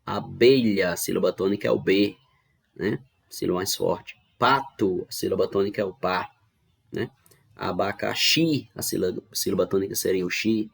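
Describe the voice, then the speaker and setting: Man, Brazilian Portuguese accent, teacher, online class, patient step-by-step explaining, husky, lowish voice. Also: steady tone, normal speed. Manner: patient, explaining step by step with frequent check-ins. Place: home recording for online class.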